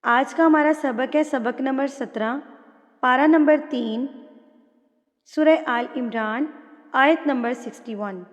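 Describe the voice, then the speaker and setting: Woman, high voice, patient recitation teacher; slow drawn-out reading; reverberant room. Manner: patient step-by-step explaining. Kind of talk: online tajweed lesson.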